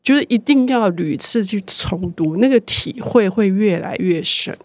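An older woman, a publisher, speaking as a guest in a reflective interview, thoughtful and growing lively when excited. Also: mid-range voice, normal speed, dry recording.

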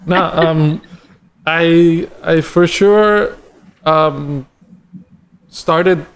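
A man from Costa Rica, a guest drummer and educator, talking in a thoughtful, halting way with many restarts in a casual podcast conversation. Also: on the high side, clean tone.

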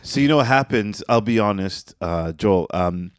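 A male podcast co-host with a low voice speaks candidly and playfully, laughing easily. The recording is dry and close, with no room sound. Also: lively intonation, normal speed, clean tone, no echo. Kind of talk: casual podcast chat.

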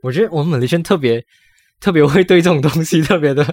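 A woman's voice: low voice, darkish tone, dry recording. A woman from Malaysia with a Malaysian accent, co-hosting a casual podcast chat, laughing often. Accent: Malaysian Chinese. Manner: fast-talking, code-switching, laughs often. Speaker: podcast co-host.

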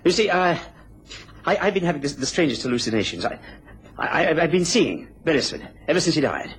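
An actor playing a cowardly, scheming gentleman with a bullying streak in a radio drama, agitated and given to stammering. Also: on the high side, very animated, brisk, slightly rough, heavily acted. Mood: panicked.

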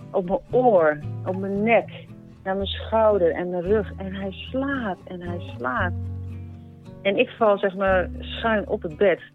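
A woman telling a personal story in a halting, reflective way. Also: mid-range voice. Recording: phone-like line with faint music.

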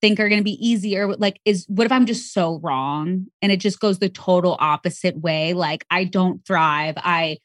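A woman's voice: on the low side, moderate pace, hardly any pauses, no room sound, clean studio sound. A young pregnant woman talking candidly as a podcast guest, chatty and full of fillers. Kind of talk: casual chat.

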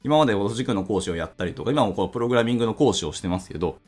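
Male solo podcast host, 30s, rapid, animated delivery full of fillers; faint music bed. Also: on the low side. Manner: rambling, thinking aloud with many fillers. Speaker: podcast host, programming instructor. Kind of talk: casual solo podcast talk.

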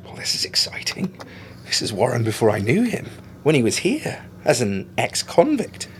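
A chatty caretaker muttering to himself. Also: male voice, medium pitch, wildly swooping pitch, moderate pace, a little hiss or hum. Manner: chatty, muttering asides, whispered bits. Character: chatty male caretaker archiving logs.

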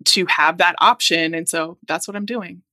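A woman's voice: on the low side, moderate pace, dry recording. A woman in her thirties talking earnestly and thoughtfully in a casual chat. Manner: earnest, thoughtful, with soft laughs.

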